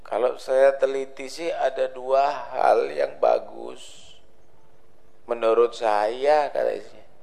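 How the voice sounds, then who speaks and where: Male preacher, slow and gravelly, dramatic storyteller who voices his characters. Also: mid-range voice, expressive, darkish tone. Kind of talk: dawn sermon with storytelling.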